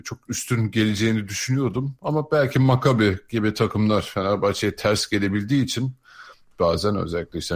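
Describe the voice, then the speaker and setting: A male podcast co-host talks sport in a very low voice. He sounds conversational and casual, thinking through his analysis as he speaks. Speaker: podcast co-host and basketball commentator.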